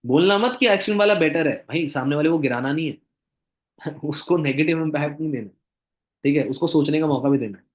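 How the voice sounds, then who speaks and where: A young man coaches recruits in a casual, emphatic way, with a slightly high voice. He repeats lines for stress and plays both sides of a sales talk. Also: brisk. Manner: acts out both sides of dialogues, addresses viewers as "bhai". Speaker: network marketing trainer. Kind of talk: casual motivational training talk.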